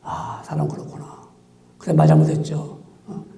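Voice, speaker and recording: A man preaching as a pastor, acting out quoted exchanges in an animated way. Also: fairly high pitch, normal speed, creaky, echoey room. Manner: animated, acts out quoted dialogue. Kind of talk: sermon.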